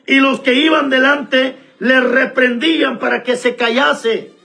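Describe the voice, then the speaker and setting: A man's voice: extremely high pitch, steady tone, unhurried, vocal fry, pushed and bright. A man preaching a sermon as pastor, emphatic and repetitive, speaking straight to his listeners.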